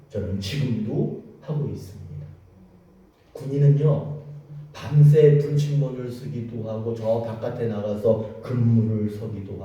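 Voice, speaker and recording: Male pastor, animated storytelling sermon, dark mellow voice, echoey church picked up from afar. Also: medium pitch, far from the mic. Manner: storytelling, animated, with laughing asides.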